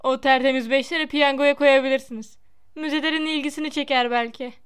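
A woman's voice: high voice, fairly even intonation, quick pace, a bit bright. A woman voicing a smug, mocking schoolboy rival in a storybook reading. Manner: self-satisfied, mocking.

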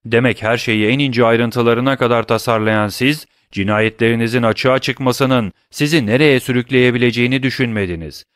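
A stern middle-aged prosecutor played by a male audiobook reader presses his accusations with a forceful, cutting voice. The reading sounds dry and close, with no room around it. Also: mid-range voice, normal speed, hardly any pauses, no room sound, lightly acted. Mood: scornful.

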